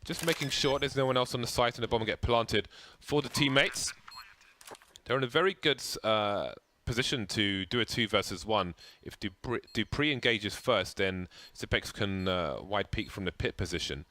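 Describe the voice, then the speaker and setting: A male play-by-play caster provides esports commentary on a competitive shooter match, chatty and inclined to light banter. His voice is fairly low at a moderate pace, with slight background noise and loud game sounds behind him.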